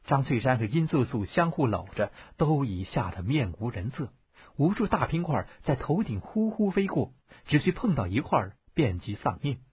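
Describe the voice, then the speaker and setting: A man narrating a martial-arts novel as an audiobook, telling it expressively with a husky voice. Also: mid-range voice, moderate pace, dry recording. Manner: expressive storytelling, varied tone. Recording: dull, dry lo-fi audiobook recording.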